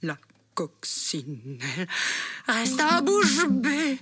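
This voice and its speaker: A woman's voice: on the high side, huge pitch swings, drawn-out words, slightly rough, dry recording. A woman telling a children's story in the studio, dramatic and often dropping to a whisper, with live guitar and percussion. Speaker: storyteller, author. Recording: loud live music under voice.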